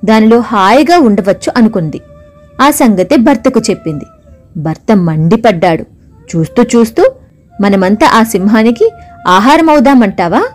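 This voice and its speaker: A woman narrating an animal fable in an animated, dramatic storybook style. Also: fairly high pitch. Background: soft music.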